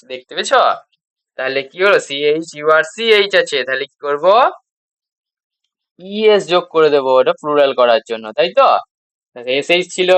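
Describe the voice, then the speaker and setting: A man with a Bengali accent gives a classroom English grammar lesson for beginners, asking himself questions and answering them while spelling out and repeating word endings letter by letter. His voice is a little high and a bit bright, recorded without echo.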